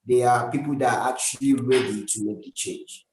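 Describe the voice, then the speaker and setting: A man's voice: medium pitch, moderate pace, a little mellow. Nigerian guy on a video call explaining branding, keeps restarting sentences, roomy echo. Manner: earnest and explanatory, with frequent restarts and tag questions. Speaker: brand strategist guest. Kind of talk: live-stream interview answers. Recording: echoey room.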